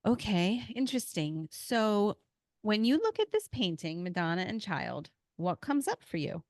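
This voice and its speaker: A woman's voice: mid-range voice, sing-song, unhurried, darkish tone, dry recording, clean studio sound. A woman playing a curious, probing boutique owner in her forties, reading a light role-play script. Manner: inquisitive, lightly teasing.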